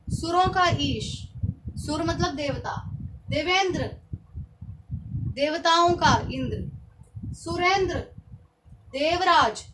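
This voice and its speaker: A woman teaching Hindi synonyms to a child in an online class, slowly dictating word lists and stressing each word. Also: very high voice, fairly bright tone, a little hiss or hum, rough recording.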